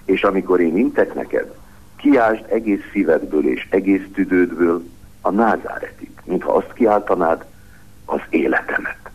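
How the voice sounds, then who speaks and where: A man reading as a gentle, forgiving master. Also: deep voice, expressive, slightly rough, voice pushed up. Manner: mild, soothing reading. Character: gentle adult male spiritual master, calm and forgiving. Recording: dull lo-fi radio broadcast.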